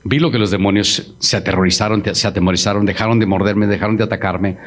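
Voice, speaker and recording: Deep-voiced pastor giving a slow testimony. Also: male voice, steady tone, a little hiss or hum. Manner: slow, solemn, quoting Jesus with emotion. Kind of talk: testimony sermon. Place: church.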